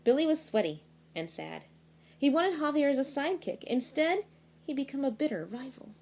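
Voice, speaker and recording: A woman teacher reading a picture book aloud to her students, expressive, pausing to explain words. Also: sits high, a little hiss or hum.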